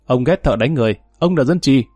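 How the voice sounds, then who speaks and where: A man's voice: medium pitch, expressive, fast talker, warm tone, no echo, studio quality, faint music behind, natural voice. A man reading an audiobook, voicing a boastful, brash male thug with a scarred face. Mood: cocky. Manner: cocky, brash.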